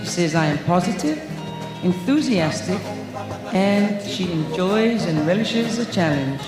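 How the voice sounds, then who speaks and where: Pageant mc reading bios over a PA, mid voice, super echoey gym, loud music under it. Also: lively intonation, a little slow. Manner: reads bios, urges applause. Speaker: pageant emcee. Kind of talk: scripted contestant introductions. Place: large indoor sports gym. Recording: booming gym hall with music. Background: background music.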